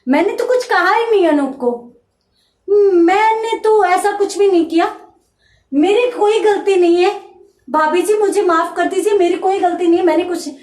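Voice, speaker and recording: Frightened male guest, pleading and rushed, voiced by a woman reader; high pitch, roomy sound. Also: lightly acted. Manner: panicked, begging, rushed.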